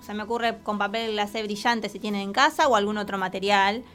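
Teacher co-hosting radio. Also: female voice, medium pitch, steady tone, a little fast, a bit bright, soft background music. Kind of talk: educational radio chat.

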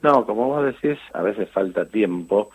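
A middle-aged Argentine man, an eye surgeon, telling stories in a relaxed interview, with lots of fillers and restarts. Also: lowish voice, normal speed, slightly rough. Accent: Argentine Spanish. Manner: animated storytelling with frequent fillers and restarts. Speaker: eye surgeon on charity missions. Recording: tinny phone-line sound.

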